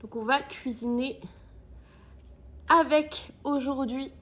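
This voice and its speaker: A woman's voice: sits high, steady tone, slow. A woman hosting a live cooking stream from an agency kitchen, chatting with viewers, greeting them often and reading their comments aloud.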